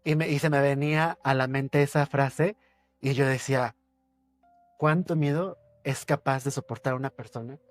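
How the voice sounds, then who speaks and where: Man, podcast guest, suspenseful ghost-story teller who repeats and hushes. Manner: suspenseful storytelling, repeats words for effect, drops his voice low. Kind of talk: telling a personal ghost story.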